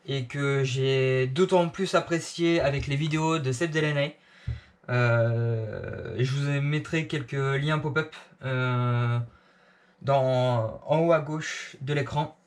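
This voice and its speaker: A man casually reviewing clothes he bought, with many fillers and restarts. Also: a little high.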